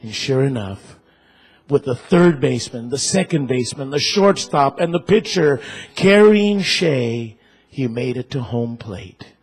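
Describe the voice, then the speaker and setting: Slow, deliberate male church storyteller. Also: medium pitch, animated, breathy edge, faint music behind.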